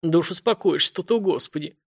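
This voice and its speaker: A man voicing a terrified woman on the phone to the police, shrill and sobbing, pleading frantically. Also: a little fast, slightly rough, no echo, studio quality. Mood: shaken. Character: panicked woman caller alone at home.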